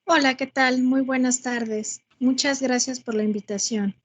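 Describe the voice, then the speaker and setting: A woman's voice: sits high, steady tone, measured pace, breathy edge. A woman teacher answering interview questions over a video call, speaking thoughtfully and with hesitation.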